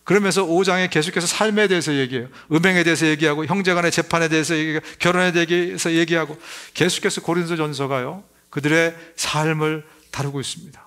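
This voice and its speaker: A middle-aged man preaching a sermon in a notably high voice. He speaks with emphatic, rising force and raises his voice further when he acts out crying babies. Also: steady tone, quick pace, few pauses, fairly bright tone. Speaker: pastor.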